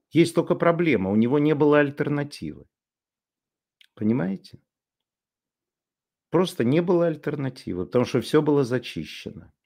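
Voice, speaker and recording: Slow, halting sardonic man. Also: mid-range voice, darkish tone. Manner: sardonic, halting with many drawn-out filler sounds. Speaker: commentator. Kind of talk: unscripted monologue commentary.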